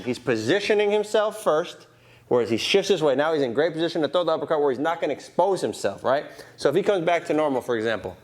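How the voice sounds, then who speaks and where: A man coaching boxing drills hands-on, talking informally and repetitively with "right?" tags and punctuating his instructions with vocal punch sounds. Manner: punctuates talk with vocal punch sounds like whoop, bang, boom; repetitive, informal phrasing with frequent 'right?' tags. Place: boxing gym. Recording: clear background noise in a gym.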